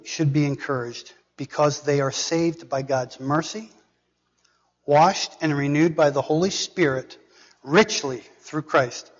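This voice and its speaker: A man preaching a sermon as pastor, earnestly reading scripture aloud with pauses. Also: a little high. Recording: dull recording with long reverb.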